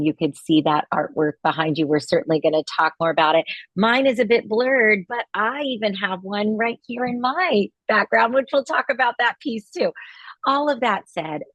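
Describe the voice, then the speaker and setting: A woman's voice: mid-range voice, no room sound. A woman hosting an interview over video call, effusive and enthusiastic, often affirming her guest. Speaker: podcast host. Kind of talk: interview conversation.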